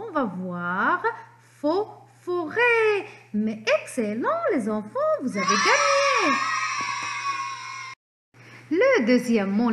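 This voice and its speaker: Woman teacher for a children's reading lesson, high and animated, slow and clear on every syllable. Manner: cheerful praise and prompts to children.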